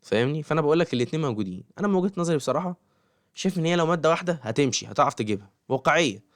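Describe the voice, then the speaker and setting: Very fast-talking Egyptian man. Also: fairly high pitch, animated, dry recording, studio quality. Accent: Egyptian Arabic. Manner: keeps checking in with the listener, talks straight at them. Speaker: YouTuber giving study advice to students. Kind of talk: casual advice monologue.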